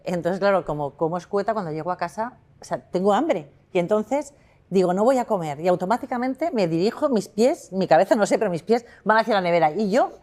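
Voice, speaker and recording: A woman hosting a relaxed conversation, asking questions and sharing personal reflections. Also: mid-range voice. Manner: asks questions, chatty and reflective. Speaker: host. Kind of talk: casual conversation.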